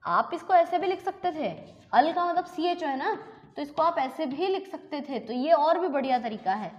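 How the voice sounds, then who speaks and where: High-voiced woman teaching chemistry, echoing. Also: lively intonation, normal speed. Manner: explains step by step, asks and answers her own questions; uses the tag 'है ना' often. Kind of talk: classroom lesson. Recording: dull, lo-fi recording with long reverb.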